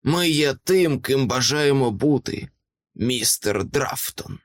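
A man voicing a smug, disdainful dragon that has taken the form of a small man, speaking slowly and haughtily in an audiobook. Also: mid-range voice, expressive. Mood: haughty. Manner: slow, haughty, contemptuous. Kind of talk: audiobook character reading.

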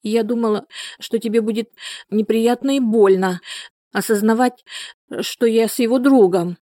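Woman reader voicing a tearful, breathless young woman in labor, higher than the narration, dark tone. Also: steady tone, moderate pace, no echo, clean studio sound, lightly acted. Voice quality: strained, breathless. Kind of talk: audiobook character voice.

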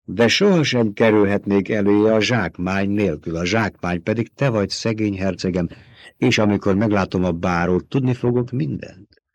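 A man's voice: fairly low pitch, no room sound, natural voice. A man reading an audiobook, voicing an old male doctor turned traitor, feverishly obsessed with revenge, who speaks in an intimate, coaxing way. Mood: intense, confiding.

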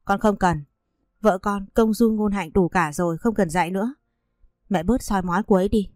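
A woman's voice: mid-range voice, normal speed, a little mellow, dry recording, studio quality, close to an everyday voice. A woman voicing an earnest young husband who pleads with his mother to defend his wife. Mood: pleading.

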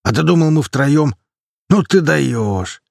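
Storybook bruiser, bearded, rough joker, mocking tone, voiced by a male narrator, dry and husky. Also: fairly low pitch, sing-song, moderate pace, dry recording, heavily acted. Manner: teasing, rough and joking. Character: burly bearded man, mocking and brash.

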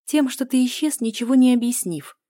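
A woman's voice: mid-range voice, lively intonation, brisk, warm tone, no echo, studio quality, voice pushed up, lightly acted. A woman voicing a defiant young heroine who snaps back through tears in an audiobook. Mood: tearful. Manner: raised, pleading and snapping. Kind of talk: audiobook character voice.

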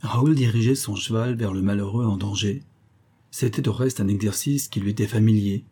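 A man reads a classic novel aloud in a steady, measured way. His voice sits low and dark with a slightly husky grain. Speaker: audiobook narrator. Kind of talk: scripted narration of a novel.

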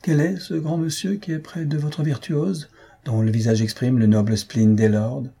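A man voicing a timid, lovestruck young pharmacy student who speaks in an eager hush. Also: medium pitch, level tone, normal speed, gravelly, slightly rough, pitched above the performer's own voice. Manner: hushed, eager, easily thrown.

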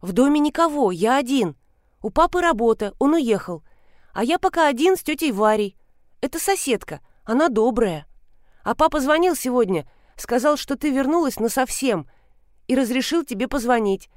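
A woman's voice: high voice, lively intonation, moderate pace, dry recording, studio quality. A woman doing an eager little boy. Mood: earnest. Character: small boy, eager and joyful.

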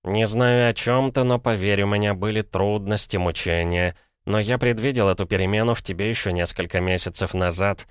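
A man's voice: on the low side, fairly even intonation, a little fast, hardly any pauses, clean tone, no echo, studio quality, natural voice. A man voicing an earnest, mild-mannered schoolmaster lecturing a pupil in an audiobook.

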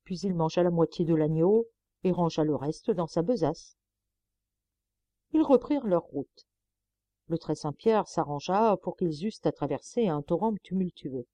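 A woman reading a fairy tale aloud in an expressive, animated storybook narration. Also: fairly low pitch, unhurried, no room sound. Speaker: audiobook reader.

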